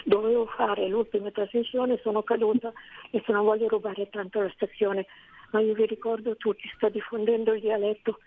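A woman's voice: mid-range voice, level tone. Woman caller on a tinny phone line. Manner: halting, repeats words when starting. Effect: phoned in over a telephone line. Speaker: radio show caller. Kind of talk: call-in chat with the host.

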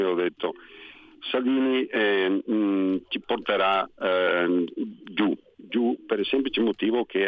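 A man from northern Italy calling a radio show over the phone, talking loudly and haltingly with many fillers. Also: sits low, no echo. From Vicenza area, northern Italy. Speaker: radio call-in caller. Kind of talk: call-in opinion. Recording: tinny phone line, dry.

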